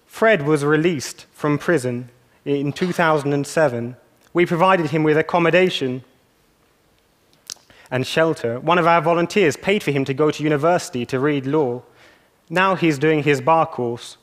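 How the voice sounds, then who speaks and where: A young man from England giving a measured, earnest talk to an audience. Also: a little high. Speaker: speaker. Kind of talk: scripted talk.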